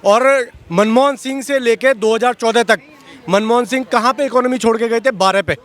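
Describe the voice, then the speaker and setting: A man's voice: very high-pitched, moderate pace, fairly bright tone. A man in a street interview rebutting a previous speaker, stopping to correct himself. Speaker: passer-by interviewee.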